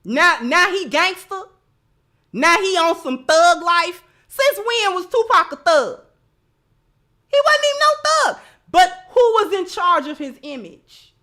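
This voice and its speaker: An American livestream host gives opinionated commentary in informal, colloquial speech, emphatically repeating phrases to drive her point home. Her voice is extremely high, sing-song, bright and forceful, and she speaks slowly.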